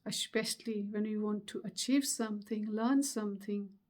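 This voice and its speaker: A middle-aged woman giving a motivational webinar talk, earnest and emphatic, with many pauses. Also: mid-range voice, a little mellow. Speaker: speaker.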